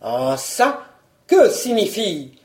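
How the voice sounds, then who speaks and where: A woman reading a storybook voices a timid, evasive baron, lowering her voice and speaking hesitantly. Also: big pitch swings, extremely slow, a little mellow, roomy sound. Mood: placating. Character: timid, evasive middle-aged baron collector.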